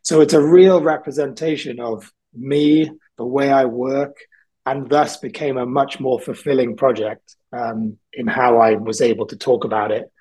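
A man's voice: medium pitch, steady tone, a little slow, dark tone, breathy edge, rough recording. A man from South Wales, a guest artist in a casual interview, talking thoughtfully and rambling a little, with frequent ums and laughs.

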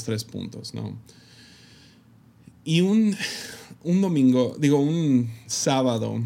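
A man who is a pastor, telling a personal story to camera in a reflective, halting way with many fillers. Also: medium pitch, gravelly, warm tone. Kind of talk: casual personal testimony to camera.

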